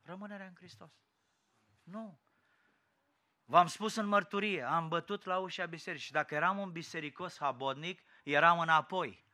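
A man preaches with a Romanian accent and a very bright, forceful, sharp-edged voice pitched slightly high. His delivery is fiery and rhetorical, full of mocking questions aimed at his listeners. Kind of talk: sermon.

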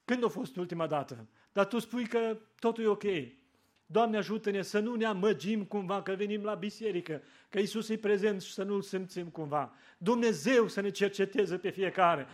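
High-pitched guy preaching in church, fervent, gets loud then goes soft and prayerful. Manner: fervent, rising and falling with emphasis. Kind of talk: sermon.

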